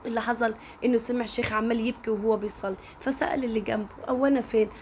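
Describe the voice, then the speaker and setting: A woman's voice: a little high, steady tone, racing, darkish tone, slight background noise. A woman with an Egyptian accent telling a story in a casual, chatty way, often turning to speak directly to her listeners. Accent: Egyptian Arabic.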